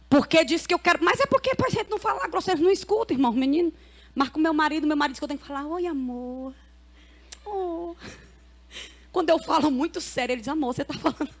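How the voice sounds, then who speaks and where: A woman preacher, loud and emphatic, delivering a sermon that builds to shouted exhortation. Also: high-pitched. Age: adult, mother of boys. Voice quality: loud, self-described noisy voice.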